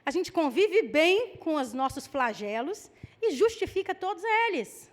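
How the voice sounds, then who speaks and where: A woman with a Brazilian Portuguese accent preaching a lively sermon, acting out people's excuses in mock voices. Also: extremely high pitch, unhurried.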